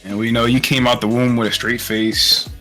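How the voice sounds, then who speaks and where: A man's voice: mid-range voice, flat delivery, normal speed. Blunt young man, slangy. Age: young adult. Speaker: podcast co-host. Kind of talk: casual gaming chat. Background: music in the background.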